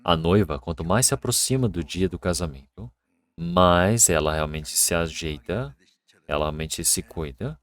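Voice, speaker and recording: A man's voice: deep voice, a little slow. Earnest male pastor preaching a sermon. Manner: earnest preaching, grows lively telling anecdotes.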